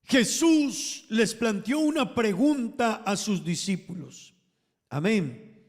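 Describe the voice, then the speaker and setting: A man preaching a sermon to his congregation, emphatic, rising loud and falling soft as he calls them brothers. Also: sits high, animated, slow, in a large hall. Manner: emphatic, swells and drops in volume, addresses congregation as brothers.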